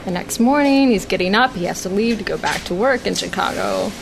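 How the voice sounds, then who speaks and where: A woman telling an earnest personal story and acting out the dialogue with lively shifts, over a noisy background. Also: medium pitch, fairly quick, creaky. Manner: earnest, animated, acts out quoted dialogue. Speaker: storyteller guest.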